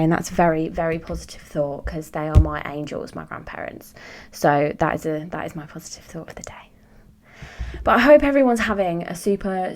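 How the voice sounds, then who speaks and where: A young woman with a British accent talks casually to her viewers, rambling from one aside to the next. Her voice sits low for a woman. She swears freely and talks in an offhand way. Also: a little mellow. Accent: British English. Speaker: true crime YouTuber. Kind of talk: casual chat to camera.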